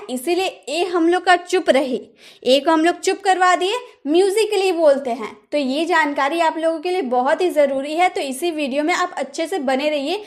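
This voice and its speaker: A woman gives an English pronunciation lesson, and her voice sits very high. She says each example word slowly, then says it again, and stops often to ask the viewers questions. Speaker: English teacher.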